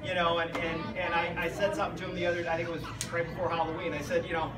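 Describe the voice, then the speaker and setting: A man's voice: fairly high pitch, flat delivery, racing. A middle-aged American man, a youth football coach, gives a rambling, anecdotal speech honoring a player, recorded from a distance in a roomy space. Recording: roomy, distant mic, loud music behind.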